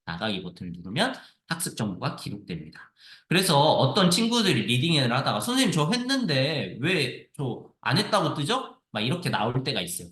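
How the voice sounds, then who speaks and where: A man teaching how to use a reading app, explaining with lively repetition as he clicks through a screen-share tutorial. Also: fairly low pitch, roomy sound. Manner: lively explanatory, repeats phrases.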